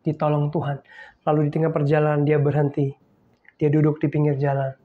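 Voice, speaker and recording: A man's voice: a little high, monotone, fairly quick. A male pastor telling a story in a sermon, acting out the voices and often calling his listeners "guys". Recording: dull lo-fi recording.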